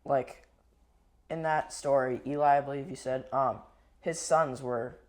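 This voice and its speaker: A young man co-hosting a casual podcast, joking and tossing in quick interjections. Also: medium pitch, fairly even intonation, a little mellow. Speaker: podcast co-host. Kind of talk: casual chat.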